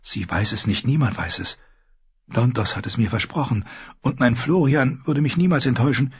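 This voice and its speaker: A man voicing an anxious young noble girl who talks quietly and uneasily to herself, in an audiobook. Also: mid-range voice, normal speed, slightly rough, pitched above the performer's own voice. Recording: slightly dull lo-fi audio.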